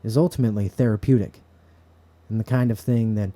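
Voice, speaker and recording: A man's voice: lowish voice, steady tone, fairly quick, mellow. A man speaking to camera in a bedroom, giving an earnest, reflective, philosophical monologue. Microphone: camera set up in front of him.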